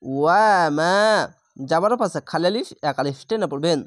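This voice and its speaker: A woman with a fairly low voice gives a step-by-step Quran reading lesson. She spells the letters one at a time and then stretches out each recited word. Her throaty sounds get extra stress through repetition. The sound is dry and close. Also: lively intonation, normal speed, dry recording.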